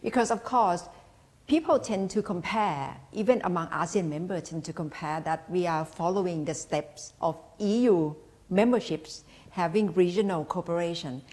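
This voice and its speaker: A woman's voice: fairly low pitch, moderate pace, darkish tone. A woman interviewer putting questions in a formal interview.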